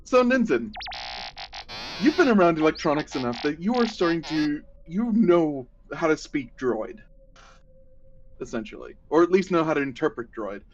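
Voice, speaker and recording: A man's voice: a little high, big pitch swings, moderate pace, slight background noise. A man narrating a tabletop game as game master, explaining rules with easy laughter. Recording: dull lo-fi audio.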